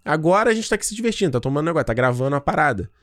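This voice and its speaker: Fast-talking man in his thirties. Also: on the high side, no echo, studio quality. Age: 30s. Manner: fast, slangy and swearing, animated. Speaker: podcast co-host. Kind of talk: casual chat.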